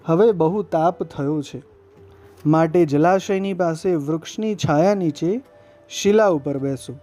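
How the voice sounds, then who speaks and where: Man reading a playful young divine cowherd, soft coaxing tone, mellow voice, faint music behind. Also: a little high, a little slow, close to an everyday voice. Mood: cheerful.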